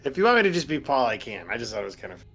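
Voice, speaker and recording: A man's voice: mid-range voice, sing-song, rapid-fire, a bit bright. A man playing in a tabletop game who asks eager questions and sometimes speeds up as he talks. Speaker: player. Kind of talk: casual tabletop play.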